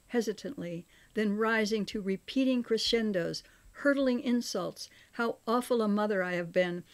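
Older female author-narrator, memoir audiobook, measured and expressive, middle pitch. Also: vocal fry. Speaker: author reading her memoir.

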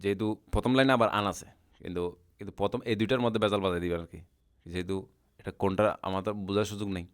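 A man teaching a recorded language lesson, patiently repeating word forms slowly for his students. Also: on the low side, fairly even intonation, smooth. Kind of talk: recorded lesson explaining a chart.

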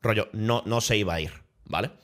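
His pitch is fairly low and he talks a little fast, a young Spanish streamer with a Spanish accent chatting casually. He tells a travel story in an animated way, swearing and laughing along.

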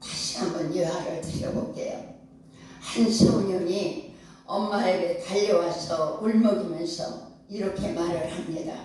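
A woman's voice: lowish voice, steady tone, a little slow, warm tone. An older woman pastor preaching a sermon with a rising cadence and calls for amens. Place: church sanctuary. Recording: echoey church hall, far from mic.

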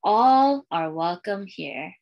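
An elementary school librarian reads a children's picture book aloud, lively and unhurried, with clear sing-song storytelling aimed at young kids. Her voice is mid-range and the sound is lo-fi, captured in a small indoor room with bookshelves and a curtain.

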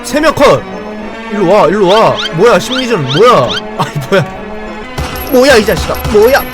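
An excitable man streaming a game, repeating short phrases as he reacts. His voice sits high and jumps around in a lively way, with game music behind it. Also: normal speed. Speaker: gaming streamer. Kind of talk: live gameplay commentary.

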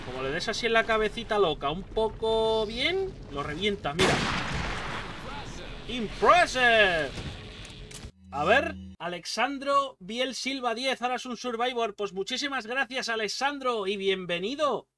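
A young man giving excitable let's play commentary, swearing often and talking back at the enemies on screen. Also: high voice, moderate pace, distant mic. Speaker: gaming YouTuber. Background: gunfire and game sounds.

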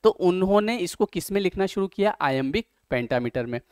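A man teaches an exam-prep lesson in a slightly raised, lively register, recorded close in a dead, dry room. He walks through the material step by step, keeps asking questions and answering them himself. English passages come out slowly and carefully between his explanations. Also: high voice, clear, resonant tone, dry recording.

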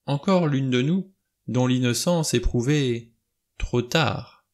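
A man reading a novel aloud, voicing an elderly judge who speaks in a calm, formal, deliberate way. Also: mid-range voice, close to an everyday voice. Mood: measured.

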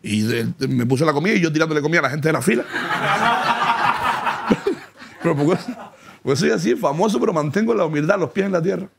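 A man's voice: fairly high pitch, very fast, vocal fry, very noisy. A man telling boastful, mock-humble comic stories in a casual chat, laughing often. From Canary Islands. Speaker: comedian guest. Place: car.

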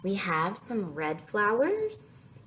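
A young woman with a mid-range voice hosts a children's story time, stretching out her words as she reads and chats with little kids. She sounds animated and sing-song, prompting them with questions. A slight hiss or hum sits under the recording.

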